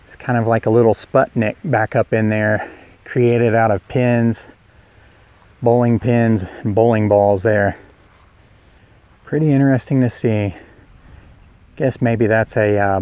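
A man's voice: lowish voice, a little mellow. A man with an Oklahoma accent casually narrating a walking tour of a rural yard, recorded outdoors on a handheld camera. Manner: easygoing, chatty, narrates as he walks. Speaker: vlogger touring a roadside attraction.

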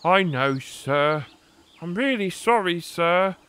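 A man's voice: high-pitched, animated, takes it slowly, fairly bright tone, clear, resonant tone, pitched above the performer's own voice, heavily acted. A man voicing an apologetic male signalman, contrite and eager to please. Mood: sorry.

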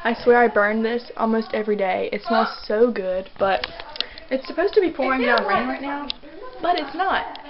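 A woman's voice: a little high, normal speed, lo-fi sound, very noisy. Chatty young woman vlogging at home. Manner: chatty, talks baby-talk to her dog. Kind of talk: casual daily vlog. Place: at home, indoors.

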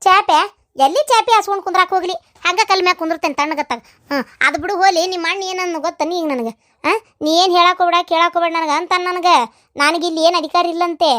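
Woman voicing a shrill grumbling old village woman. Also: quick pace, fairly bright tone. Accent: North Karnataka Kannada. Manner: scolding, complaining.

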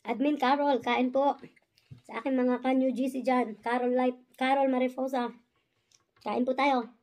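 A woman's voice: sits high, level tone, a little slow, darkish tone. A woman with a Filipino accent, chewing while talking as she eats on camera and greets viewers by name. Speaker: mukbang vlogger. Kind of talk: casual chat.

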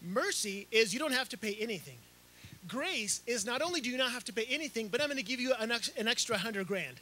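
A middle-aged man who grew up in Chile, a pastor preaching a sermon into a handheld microphone outdoors under a canopy, animated, with frequent repeats and restarts. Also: very high voice, fast.

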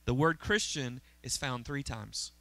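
There's no echo on this middle-aged pastor's mid-range voice, which is unhurried, pushed and bright, with vocal fry. Standing on an indoor church auditorium stage with a handheld mic, he gives a conversational sermon, regularly checking in with the congregation.

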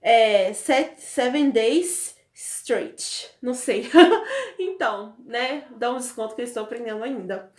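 A woman's voice: a little high, slow, darkish tone. A young woman from Brazil casually walking through an app on her phone, chatty and laughing often, speaking into an earphone mic at home. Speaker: book vlogger. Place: home room with bookshelves. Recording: echoey room.

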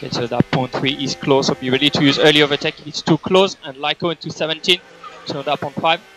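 A man's voice: a little high, fairly even intonation, fast talker, a crowd in the background, poor audio. A man working as race engineer, giving terse, repetitive, clipped instructions over race car team radio. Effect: team radio transmission.

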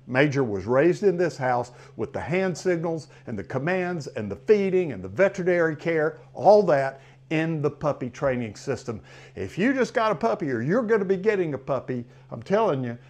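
An older man, talking as a dog trainer in casual, animated advice to camera with big swings in emphasis. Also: medium pitch.

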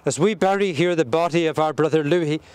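A man leading a burial service outdoors at a cemetery, reciting the prayers in a solemn, measured way. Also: a little high, darkish tone, smooth, dry recording. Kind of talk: liturgical graveside prayer.

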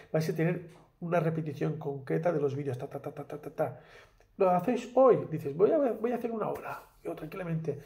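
A man's voice: on the high side, gravelly. A man teaching a singing lesson in Spanish, talking through exercises with encouragement and singing short scale demonstrations on "la". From Spain. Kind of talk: vocal lesson with sung exercises.

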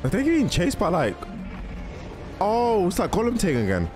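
High-voiced and wildly varied in pitch, this young adult speaks at a moderate pace. He hosts reaction videos from a desk in a small room, thinking aloud in slangy, casual commentary into a close mic on an arm, headphones on, as the cartoon intros' music plays in the background.

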